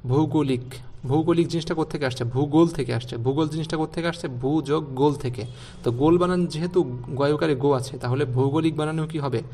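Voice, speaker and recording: A man with a gravelly, fry-edged voice teaches an online spelling class. He is patient and repetitive, saying each word twice and checking in with his students. His pitch sits in an ordinary middle range. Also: a little mellow. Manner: patient, repeats words and checks with "okay?".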